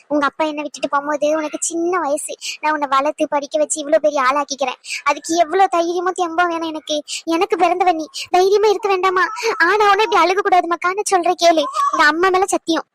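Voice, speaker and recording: Woman voicing a high, anxious cartoon mother. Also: fairly bright tone. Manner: coaxing, pleading, tender. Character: anxious, devoted middle-aged mother. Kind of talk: cartoon voice acting.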